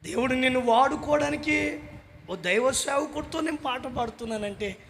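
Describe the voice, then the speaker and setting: A man with a Telugu accent delivers a sermon in a strikingly high voice. He speaks loudly and lifts his lines into shouts before dropping back down. A faint hiss of noise sits under the recording. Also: normal speed, gravelly. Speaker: pastor. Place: church stage.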